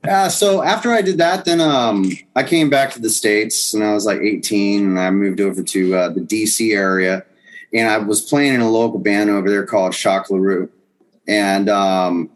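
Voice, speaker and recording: A man's voice: on the low side, fairly even intonation, normal speed, low-quality recording. A man in his fifties, a guest musician, telling stories casually in a podcast interview, rambling with restarts and chuckles.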